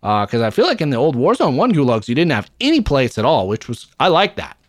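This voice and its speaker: A man's voice: medium pitch, wildly swooping pitch, quick pace, no room sound, clean studio sound. A man co-hosting a gaming podcast, talking bluntly and opinionated with plenty of swearing. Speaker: podcast co-host. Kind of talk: casual gaming podcast chat.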